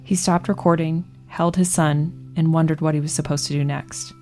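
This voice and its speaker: Low gravelly lady reading a news story, steady and measured, faint music under it. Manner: measured, even storytelling delivery. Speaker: narrator. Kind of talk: scripted narration.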